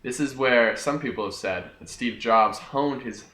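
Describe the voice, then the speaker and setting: A man's voice: medium pitch, unhurried, sharp tone, reverberant, poor audio. A young man hosting a jokey, scripted history lesson, talking back to himself between facts. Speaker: host of a homemade history video.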